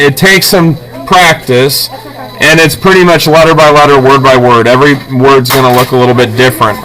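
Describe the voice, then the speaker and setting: Poor audio captures a man with a highish voice teaching drawing to a room of students. As the art teacher, he breaks the hands-on lesson into steps and asks short questions along the way, while classmates chatter in the background.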